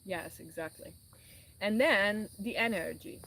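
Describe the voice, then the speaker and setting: A woman's voice: mid-range voice, measured pace, bright, forceful tone, rough recording. Woman host, earnest and repetitive, casual wellness talk, slight hiss behind. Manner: earnest, repetitive, restarts often.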